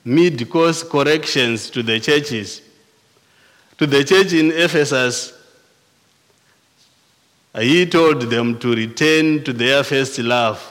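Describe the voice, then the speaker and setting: A male pastor with a Zimbabwean accent delivers a sermon at an unhurried, measured pace. He often restarts and repeats words mid-phrase. His voice carries a long reverb, as in a church hall. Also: mid-range voice, a bit bright. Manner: slow and deliberate, with frequent restarts and repeated words.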